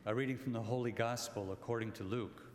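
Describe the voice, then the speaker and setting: A man, a priest, reading the Gospel at Mass with steady, formal proclamation. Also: medium pitch, quick pace, heavy background noise. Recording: echoey church hall, faint ambience.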